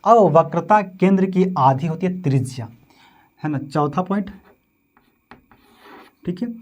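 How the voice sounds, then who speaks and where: With a Bihari Hindi accent and a slightly high, darkish voice at a measured pace, a man gives a physics lesson. He tends to repeat terms, answers his own questions, and checks with 'समझे?' and 'है ना'.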